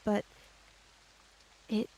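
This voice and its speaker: On a tabletop roleplaying podcast, a woman player speaks extremely slowly in a dark tone, hesitantly narrating her character's actions. The recording is low quality.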